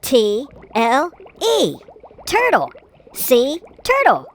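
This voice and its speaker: A woman hosting a children's spelling video, giggling often and talking in an excitable, sing-song way. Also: sits high, measured pace, very noisy. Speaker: host of a kids' spelling video. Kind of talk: playful children's spelling narration.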